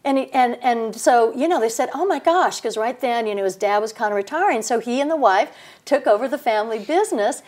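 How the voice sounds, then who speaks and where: A woman co-hosting a talk show, telling a story in a lively, chatty way and acting out the voices of the people in it. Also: fairly high pitch, a little fast. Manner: animated, acts out quoted voices. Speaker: co-host. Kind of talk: casual storytelling chat.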